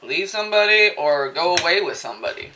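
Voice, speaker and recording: A woman's voice: lowish voice, animated, fairly quick, very noisy. A woman chatting her way casually through a tarot reading in a rambling, playful manner, often slipping into exaggerated asides. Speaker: tarot reader.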